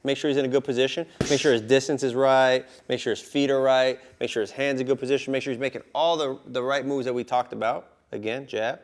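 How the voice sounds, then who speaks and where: A man's voice: steady tone, fast, hardly any pauses. A man coaching boxing drills hands-on, talking informally and repetitively with "right?" tags and punctuating his instructions with vocal punch sounds. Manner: punctuates talk with vocal punch sounds like whoop, bang, boom; repetitive, informal phrasing with frequent 'right?' tags. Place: boxing gym. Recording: clear background noise in a gym.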